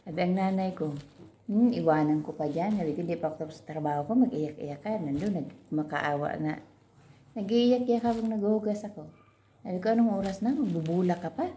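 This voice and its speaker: Lower-pitched woman telling a story, casual chat. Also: fairly quick, a little hiss or hum. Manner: animated storytelling, quoting herself scolding a child. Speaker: vlogger.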